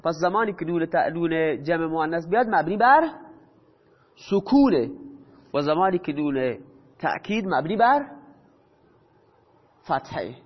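A man's voice: on the high side, sing-song, pauses often. A man teaching a grammar lesson, asking questions and answering them himself. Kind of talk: explaining grammar to students. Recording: dull lo-fi sound with long reverb.

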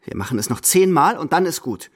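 A man's voice: on the high side, very animated, a little fast, breathy edge, pitched above the performer's own voice. A man voicing an imperious, impatient old grandmother at the roulette table, scolding and hissing orders. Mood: bossy, impatient.

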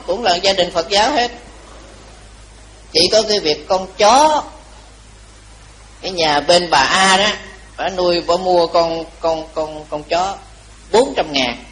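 A man giving a Buddhist dharma talk, telling a long story to his audience in an animated, chatty way, a little tired. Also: fairly high pitch, low-quality recording. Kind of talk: storytelling sermon.

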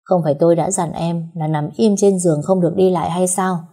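A woman reading the lines of a caring young husband in a quiet, matter-of-fact way. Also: fairly low pitch, steady tone, brisk, slightly rough. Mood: stern.

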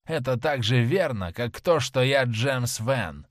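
A man voicing a vengeful male sailor with a slow, heavy, menacing delivery in an audiobook. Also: mid-range voice, animated, dry recording, studio quality. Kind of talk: audiobook character reading.

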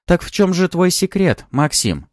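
A wry, teasing young woman with a lifted, lively voice, as a male audiobook reader puts her on. She sounds ambitious and playful, with a light mocking edge. The voice is dry and close, with no room around it. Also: sits high, unhurried, no echo, voice pushed up. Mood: amused. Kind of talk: audiobook character voice.

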